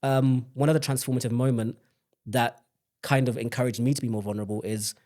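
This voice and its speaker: Young man from the UK, quick talker, candid guest, reflective storytelling. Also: mid-range voice, steady tone, darkish tone. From United Kingdom. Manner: open, reflective storytelling with many restarts. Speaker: podcast guest. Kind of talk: candid personal conversation.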